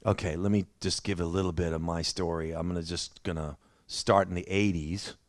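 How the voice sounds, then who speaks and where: A man's voice: low-pitched, fairly even intonation, fairly quick, dry recording. A man preaching a sermon in a church, telling his own story in a conversational, self-deprecating way. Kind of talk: sermon with personal testimony.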